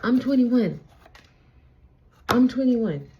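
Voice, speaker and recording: Woman putting on a squeaky pleading wannabe clubgoer. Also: expressive, takes it slowly, slight background noise. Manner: high-pitched, pleading, flustered. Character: desperate underage partygoer insisting they are twenty-one. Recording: slightly muffled lo-fi recording.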